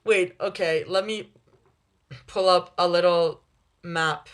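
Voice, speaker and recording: A young woman hosting a livestream, chatting casually with viewers, laughing often between quick asides. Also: fairly low pitch, fairly even intonation, smooth. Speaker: livestream host reading chat. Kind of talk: casual live chat with viewers.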